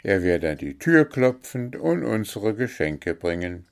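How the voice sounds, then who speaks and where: A man voicing a good-natured male creature in a children's story, explaining calmly. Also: lowish voice, measured pace, creaky, smooth, full character voice. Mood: patient.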